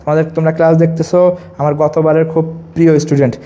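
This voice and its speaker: Young man, chemistry tutor, live online lesson, higher voice, monotone, repetitive drilling. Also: rapid-fire. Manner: repetitive, drilling students and reading out commenters' names.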